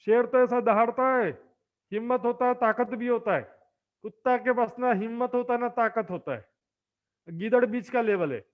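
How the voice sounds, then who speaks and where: A man telling a devotional story as a sermon, animated and acting out the characters, in a dull lo-fi recording. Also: very high-pitched, moderate pace. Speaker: religious storyteller.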